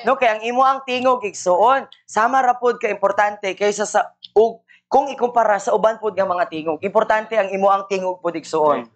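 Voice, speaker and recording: A woman's voice: medium pitch, steady tone, moderate pace. A woman interpreting a sermon live, rendering each phrase fluently and answering with frequent amens.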